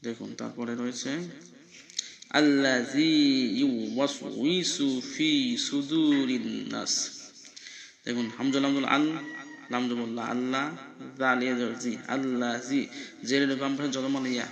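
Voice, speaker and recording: A man's voice: mid-range voice, level tone, fairly quick, crowd noise. A man teaching Quran recitation, spelling each word letter by letter with patient repetition and breaking into chanted recitation.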